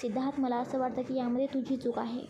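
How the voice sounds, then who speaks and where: A woman voicing a calm young man who advises his friend patiently in a storybook reading. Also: high voice, fast talker, background noise. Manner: reasoning, advising gently.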